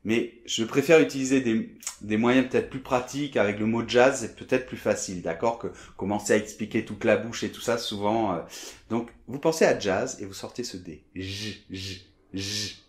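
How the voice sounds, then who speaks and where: A French man teaching French pronunciation, explaining sounds and repeating them slowly for learners. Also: on the low side, reverberant. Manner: demonstrates sounds, repeats them slowly, often asks d'accord.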